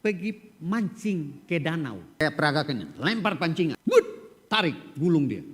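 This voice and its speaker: Joking pastor guy, rough high voice, church hall echo hanging on every line. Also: normal speed. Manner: animated, joking, calls on congregation members by name. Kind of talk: sermon. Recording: long church hall reverb.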